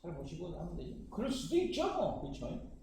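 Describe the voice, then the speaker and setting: A man tutoring exam-prep math, chatty and lively, forever checking that the learner follows along. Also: a little high, moderate pace. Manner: keeps checking understanding with short questions. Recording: echoey room with distant mic and noise.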